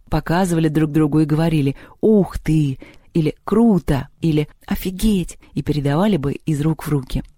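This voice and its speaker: An audiobook narrator reading a children's story in an even, measured voice. The tone is mellow and dark, with a middle pitch. The recording is close and dry. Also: no room sound.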